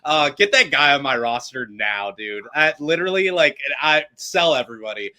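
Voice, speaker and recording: Male podcast co-host, bright edge, playful and jokey. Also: on the high side, sing-song, normal speed. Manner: joking, playful, exaggerated groans. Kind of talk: casual sports podcast banter.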